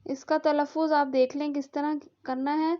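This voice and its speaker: A woman's voice: sits high, level tone, normal speed, warm tone. A woman from Pakistan teaching an online Urdu class, reading vocabulary word by word with careful pronunciation. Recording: dull lo-fi recording.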